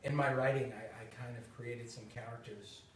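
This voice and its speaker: A man in his 30s with a Boston accent hosts a loose, animated chat, with lots of laughter and false starts. He speaks at a moderate pace in a steady, medium-pitched voice, captured far off in an echoey room with slight background noise.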